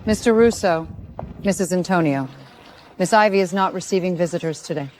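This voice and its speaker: A woman playing a cool gatekeeper assistant in a drama, dismissive and formal. Her voice is lowish, with faint noise around it. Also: fairly quick, a little mellow, close to an everyday voice, poor audio. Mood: cool, cutting. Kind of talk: screen drama acting.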